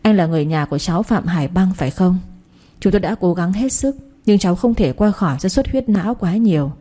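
A steady, firm hospital nurse in an audio story, read by a woman. The voice is low-set and mellow with a husky edge. She speaks evenly and keeps her words controlled. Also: fast. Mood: grave. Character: calm female hospital nurse.

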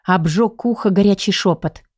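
A woman narrating a first-person audiobook in an expressive, measured way. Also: mid-range voice, slightly rough, no room sound.

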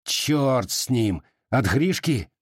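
A man's voice: mid-range voice, sing-song, a little slow, dry recording, clean studio sound, voice pushed up. A man reading an audiobook voices a stern, impatient old Cossack father who barks his questions. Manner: gruff, barking.

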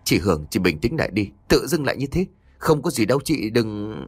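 A man's voice: on the low side, sing-song, fairly quick, slightly rough, dry recording. A man doing a soothing middle-aged uncle. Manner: reassuring, patient.

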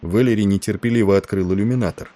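Deep-voiced male audiobook narrator. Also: quick pace, dark tone. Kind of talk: scripted narration.

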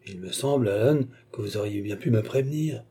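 A man reading aloud, voicing an earnest, sulky young gentleman in a dark, husky voice. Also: medium pitch, animated, moderate pace. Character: young gloomy, impulsive gentleman in love.

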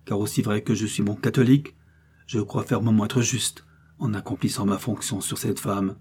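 A man's voice: fairly low pitch, steady tone, normal speed, a little mellow, a little hiss or hum, close to an everyday voice. A man voicing a grim, blunt, dutiful executioner in an audiobook.

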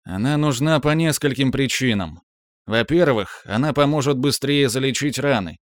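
A man's voice: medium pitch, normal speed, no echo, studio quality, voice pushed up, lightly acted. A man voicing a harsh, bossy young male fighter who barks orders in an audiobook. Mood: insistent. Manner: curt, barking orders. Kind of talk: audiobook character voice.

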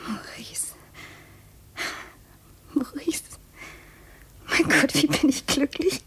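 An actress playing a delicate, emotional widow in a 1950s radio drama, breathless and often whispering. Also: female voice, high voice, animated, normal speed.

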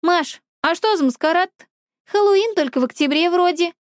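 A woman reading a sarcastic teenage schoolgirl in an audiobook, high-pitched and biting, quick to mock and quick to flare up. The sound is close and dry, with no room around it. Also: no echo. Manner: mocking, then shouting.

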